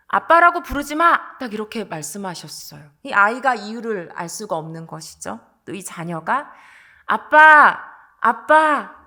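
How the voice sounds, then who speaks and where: A woman's voice: fairly high pitch, a bit bright. A woman pastor delivering a sermon, telling a story expressively and sometimes dropping to a near whisper.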